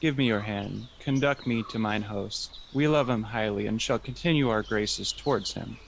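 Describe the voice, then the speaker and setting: A man plays a trusting, courtly old king in a Shakespeare radio drama. The voice is fairly low and gravelly, with formal verse phrasing. Noise and birdsong sit clearly behind it. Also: moderate pace. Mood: gracious, warm. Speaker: student actor. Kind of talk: amateur Shakespearean radio play acting.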